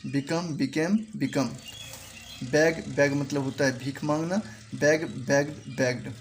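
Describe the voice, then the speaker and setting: Indian man slowly drilling English verbs. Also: fairly high pitch. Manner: repeats each word slowly, drilling pronunciation. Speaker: English teacher. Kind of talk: spoken language lesson. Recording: faint background noise.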